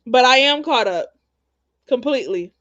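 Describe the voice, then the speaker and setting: Brief: woman host, high voice, animated and defensive, on muffled lo-fi call audio. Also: normal speed. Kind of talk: casual chat.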